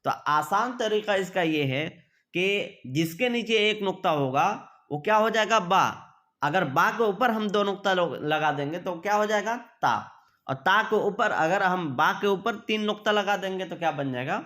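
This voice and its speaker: A man's voice: high voice, expressive, bright, forceful tone. A man teaching a beginner's reading lesson, patiently repeating each point and asking questions that he answers himself. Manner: repetitive, asks questions then answers them.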